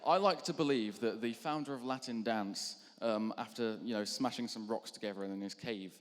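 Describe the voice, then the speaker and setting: A man's voice: fairly low pitch, normal speed. A young man doing a stand-up routine between acts at a charity show, rambling and self-deprecating with lots of ums. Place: large hall on stage. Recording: hall reverb.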